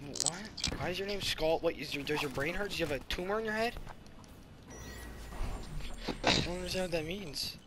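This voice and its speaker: A young man commentating his own gameplay, excitable and prone to sudden yelling. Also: fairly high pitch, fast talker, noisy background. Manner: excitable, bursts into yelling and shrieks. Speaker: gaming channel host. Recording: game gunfire behind the voice. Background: gunfire and game sounds.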